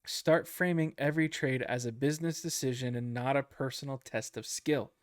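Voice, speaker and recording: A trading coach with a mid-range voice and fairly even intonation takes traders through a book chapter at a moderate pace. He is chatty and repeats his points, filling his talk with "okay?" and "right?" and showing a goofy, self-deprecating streak.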